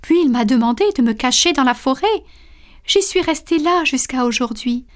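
A woman's voice: high-pitched, normal speed, close to an everyday voice. A woman voicing a young man confessing a crime in a storybook reading, earnest and direct. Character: young man, guilty twin brother, pleading.

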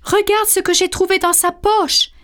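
A triumphant police officer exclaims his certainty in a storybook tale, as a woman puts him on. The voice is slightly high, and the delivery is slow. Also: expressive. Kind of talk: storybook reading.

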